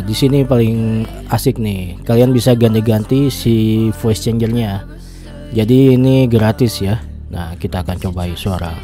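In a small room glowing with blue LED light, a young YouTube host talks into a big studio mic on a boom arm, with a music bed under him. Friendly and chatty at a medium pitch, he guides viewers casually through a software tutorial step by step and keeps addressing them as friends.

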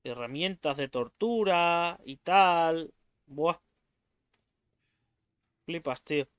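A man's voice: a little high, very slow, a bit bright, clean tone, no room sound. A young man with a Spain Spanish accent doing let's play commentary on a horror game, swearing freely and yelping in fright. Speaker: gaming YouTuber.

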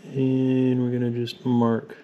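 A man talking through a mechanical repair in a home workshop, relaxed and halting with frequent fillers, recorded on a camera filming his hands. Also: medium pitch, dull audio, a little hiss or hum. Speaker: mechanic demonstrating engine rebuild. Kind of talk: casual workshop tutorial. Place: home workshop at a drill press.

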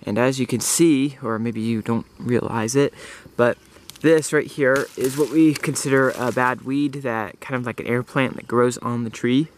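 In a casual outdoor vlog, a young man walks through his homestead garden among bushes and beehives, explaining the hives in a rambling, self-correcting way. He speaks at normal speed in a steady, medium-pitched voice, hardly pausing. Buzzing bees and insects fill the camera-mic audio, recorded handheld or in close framing.

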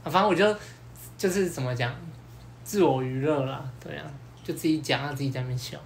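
A man's voice: fairly high pitch, brisk, gravelly, a little hiss or hum. A young man with a Taiwanese Mandarin accent, hosting a podcast and telling a dating story in casual chat with slang and mild swearing. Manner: lively anecdote-telling, acts out quoted lines. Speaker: podcast host.

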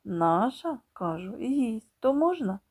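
A woman voicing a proud, quick-witted poor village boy who speaks in a raised, earnest tone. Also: on the high side, big pitch swings, a little mellow, husky, full character voice.

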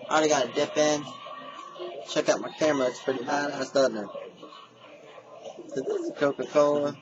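A man's voice: a little high, big pitch swings, moderate pace, crowd noise. A young man chatting casually and aimlessly to his webcam in a home office, slangy and given to swearing. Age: young adult. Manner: slangy, swearing, laid-back. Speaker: amateur video blogger. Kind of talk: casual rambling webcam chat. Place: home office room, indoors. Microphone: webcam or computer mic at desk. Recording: dull lo-fi webcam audio, voices behind.

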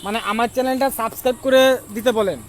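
A man's voice: very high voice, quick pace. A man with a Bangladeshi Bengali accent doing a casual street interview, prodding with questions. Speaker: street interviewer filming for own channel. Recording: street noise behind the voice.

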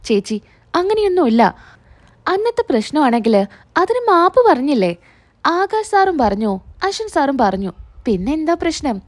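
A woman reading the lines of a gentle, caring young woman who softly pleads with her sister-in-law, in a high voice close to her own. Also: sing-song, normal speed, long pauses. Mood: pleading.

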